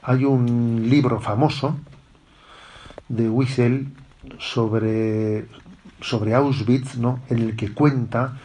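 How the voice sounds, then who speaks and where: A man's voice: mid-range voice, fairly even intonation, very slow, pauses often, warm tone. Conversational male preacher. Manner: conversational preaching, peppers sentences with tag questions. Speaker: bishop giving a retreat talk. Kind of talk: spiritual retreat talk to young people.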